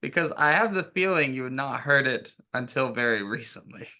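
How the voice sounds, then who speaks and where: Man, player, mid pitch, bright tone, wry. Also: expressive, a little fast. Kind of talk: in-character table talk.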